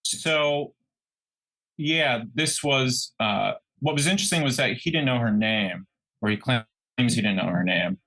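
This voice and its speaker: Speaking unhurriedly at medium pitch, a man co-hosting a true crime podcast narrates conversationally and dramatizes how people reacted. It's a rough recording.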